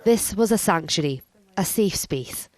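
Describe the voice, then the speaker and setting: Slightly low-voiced woman reporter. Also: expressive, unhurried. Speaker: news reporter. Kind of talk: scripted report narration.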